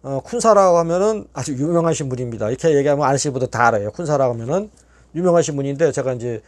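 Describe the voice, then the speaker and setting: Middle-aged male storyteller, quick and animated, acts out dialogue, salty language. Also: mid-range voice. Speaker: YouTube storyteller. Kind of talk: casual storytelling.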